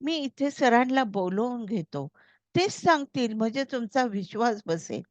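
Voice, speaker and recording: Woman reading an excited young man, slow and eager, dull dry sound. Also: a little high, no room sound. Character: young man, excited, talkative office worker. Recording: slightly dull, dry recording.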